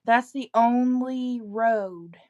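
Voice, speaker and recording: A woman's voice: on the high side, very slow, darkish tone, lo-fi sound. A woman with an East Tennessee accent, chatting casually as a local resident giving news, often backtracking and qualifying what she says.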